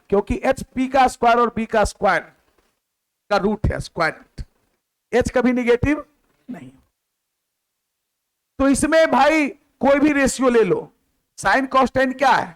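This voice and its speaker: A man teaches a maths lecture in a high, light voice. He fires questions at the class, repeats the key word, then answers it himself with a drop in tone. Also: lively intonation, unhurried, pauses often, rough recording. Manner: repeats key words, drops to a lower voice on the answer.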